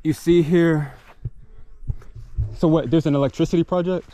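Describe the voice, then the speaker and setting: Man vlogging outdoors over clear background noise. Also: a little high, normal speed. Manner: relaxed, conversational, talking while on the move. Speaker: travel vlogger. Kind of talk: casual chat to camera while exploring. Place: outdoors on forest trails and dirt roads. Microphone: action camera at arm's length. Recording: noisy outdoor camera recording, engine and nature ambience.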